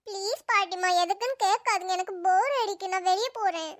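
Cartoon little girl, very high squeaky voice, bright and crisp, close dry mic, whiny and pleading, done by a voice actor. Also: fairly quick, no room sound. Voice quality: high, pitch-shifted childlike voice. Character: young girl, restless and chatty. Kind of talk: cartoon voice acting.

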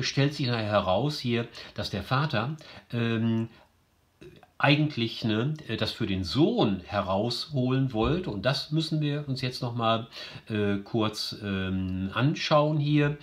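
German man explaining a story, hesitant. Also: medium pitch. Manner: thinking aloud with frequent fillers and restarts. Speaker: teacher. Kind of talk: explaining a literary text with read-aloud passages.

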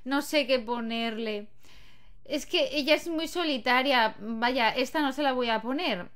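A woman's voice: high-pitched, unhurried, a bit bright, clean tone. Chatty woman narrating gameplay. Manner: chatty, talks to game characters like a doting mother. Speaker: gaming video host. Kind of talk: casual Let's Play commentary.

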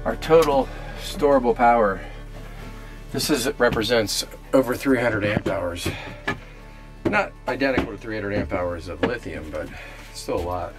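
Low-voiced man chatting on a sailboat. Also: unhurried, over music. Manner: chatty, thinking aloud, muttering at the work. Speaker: sailing vlogger. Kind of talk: casual narration while working. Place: outdoors on a sailboat deck.

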